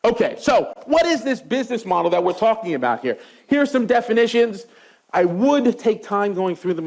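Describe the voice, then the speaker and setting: Animated male professor, slightly high voice. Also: creaky. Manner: animated storytelling with rhetorical questions to the audience. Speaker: associate professor lecturing. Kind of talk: university lecture.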